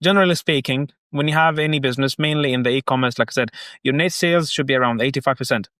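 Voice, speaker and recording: A man's voice: medium pitch, fast, a bit bright, dry recording. Earnest man from Egypt explaining business. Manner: earnest, explains step by step with many restarts. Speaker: guest, marketing agency founder. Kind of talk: casual podcast interview.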